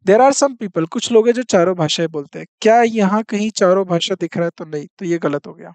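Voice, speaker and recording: A teacher giving an exam-prep lesson who repeats each point, reads statements out slowly and keeps checking in with the class. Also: medium pitch, a little mellow, no room sound. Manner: reads out English statements slowly, then explains them in Hindi.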